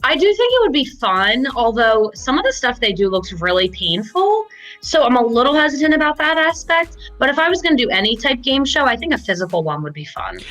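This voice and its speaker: A woman's voice: high-pitched, sing-song, fairly quick, a bit bright, faint music behind, rough recording. A woman co-hosting a podcast in a studio, chatting casually in a playful, apologetic way. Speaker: podcast co-host. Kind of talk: casual chat.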